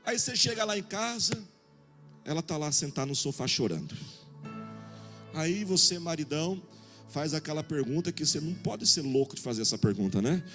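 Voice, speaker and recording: A man with a Brazilian Portuguese accent preaching a sermon in a jokey, animated way, acting out little dialogues and calling out to the congregation. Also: fairly high pitch, normal speed, faint music behind. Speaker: pastor. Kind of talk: sermon with humorous anecdotes.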